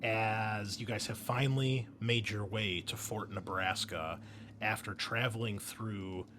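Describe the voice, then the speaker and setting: Acting as host and game master, this man talks in a low, steady voice at a measured pace. His chat is casual, enthusiastic and slangy, mixing table talk with a recap of the game, over clearly audible background noise.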